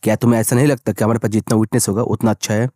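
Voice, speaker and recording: Male recap narrator, fast, mellow dark tone, dry close voice-over. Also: on the low side, little pitch movement, dry recording. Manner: rapid, plain retelling of dialogue. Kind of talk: storytelling recap, voicing all characters in the same voice.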